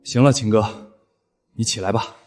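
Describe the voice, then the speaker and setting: An actor playing a reluctant but earnest friend who agrees to be a witness, in a short drama. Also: male voice, on the low side, steady tone, moderate pace, a little mellow, lightly acted. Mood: resigned resolve.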